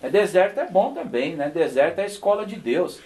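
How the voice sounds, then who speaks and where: A man's voice: high-pitched, expressive, a little fast. Folksy man preaching a homey sermon. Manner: folksy storytelling, constantly adds "né?" and laughs softly. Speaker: pastor. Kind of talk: informal sermon and personal testimony. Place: home gathering.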